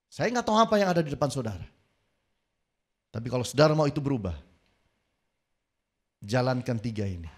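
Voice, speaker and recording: A male pastor preaching a sermon, telling a story dramatically and rising to near-shouts at its peaks. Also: mid-range voice, very animated, fairly quick, long pauses.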